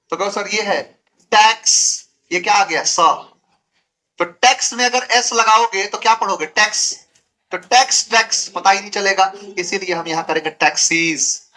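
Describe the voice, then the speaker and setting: A man's voice: sits high, bright, forceful tone. A man teaching English grammar in Hindi, drilling letter sounds by repeating them and quizzing his students. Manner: drills sounds by repetition, asks students questions. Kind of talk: classroom grammar lesson.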